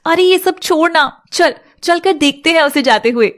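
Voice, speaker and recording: A woman's voice: high-pitched, lively intonation, moderate pace. A woman voicing a bossy teenage village girl. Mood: teasing. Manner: bossy, playful teasing.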